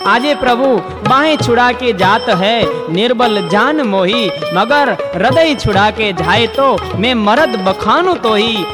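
A fervent, raised voice of a blind old saint, as a preacher takes him on, declaiming in sweeping lines. It sits well above the speaker's usual pitch. Clear devotional music runs behind. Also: male voice, animated, measured pace. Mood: defiant. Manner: impassioned, declamatory. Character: blind male poet-saint defying his god.

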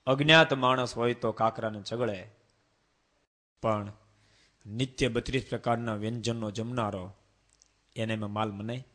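A man preaching a devotional sermon, asking the audience rhetorical questions and slowly chanting verse refrains. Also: mid-range voice, a bit bright.

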